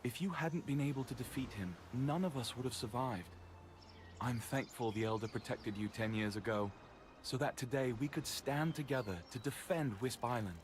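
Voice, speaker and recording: A grave male guardian made of rock, speaking in a game with a metallic, faintly robotic sound. His pitch sits in the middle of the male range, and he delivers earnest, measured counsel. Faint background noise sits under the voice. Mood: solemn concern. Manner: earnest, measured, solemn advice. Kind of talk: game character dialogue.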